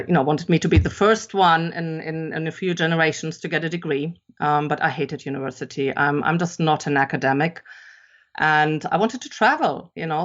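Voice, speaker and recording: A middle-aged woman from Germany with a German accent, a podcast guest chatting in a rambling way with many fillers. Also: low-pitched. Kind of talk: casual interview chat. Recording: dull lo-fi sound.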